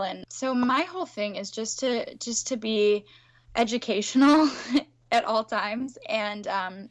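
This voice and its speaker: Confident, matter-of-fact woman guest. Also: mid-range voice. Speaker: podcast guest. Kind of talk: conversational podcast interview.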